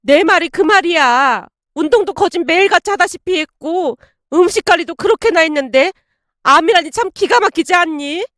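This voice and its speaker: A grief-stricken middle-aged woman pours out her news in a high, wavering voice, stretching every word through her sobs. The sound is close and dry, with no room around it, as a woman storyteller does her voice. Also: pushed and bright, no echo. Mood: tearful. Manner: sobbing, drawn-out pleading. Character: tearful middle-aged woman, mother's friend.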